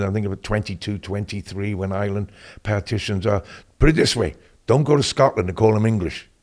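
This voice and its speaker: An older Welsh military veteran, appearing as a guest in a casual interview, tells anecdotes and acts out the voices of the people he quotes. His voice is lowish and a little mellow.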